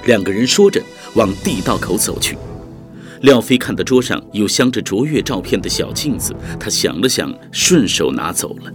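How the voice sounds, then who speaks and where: A man narrating a dramatic audiobook story in a vivid, expressive storytelling voice, over background music. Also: lowish voice, moderate pace.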